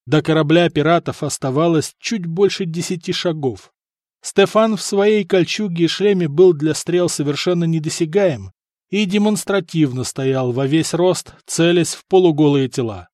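A man's voice: fairly high pitch, normal speed, a little mellow, no echo, studio quality. Man narrating an adventure audiobook. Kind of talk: scripted narration.

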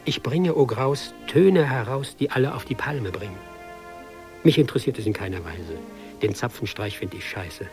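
A man's voice: mid-range voice, normal speed, over music, lightly acted. An actor playing a hapless young army recruit, reciting his tale in ironic, sing-song rhyme for a radio play. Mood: sardonic.

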